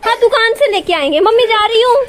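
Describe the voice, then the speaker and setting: A young mother gently coaxes and soothes her crying child, repeating short phrases, in a casual home vlog. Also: very high-pitched, animated, fast talker, crowd noise. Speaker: mother and vlogger.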